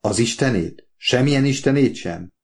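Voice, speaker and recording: A man's voice: medium pitch, lively intonation, vocal fry, a little mellow, a little hiss or hum, voice pushed up. A man voicing an earnest, talkative older father in an audiobook, pleading and heartfelt. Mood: wounded. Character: warm talkative older working-class father. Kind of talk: audiobook character voice.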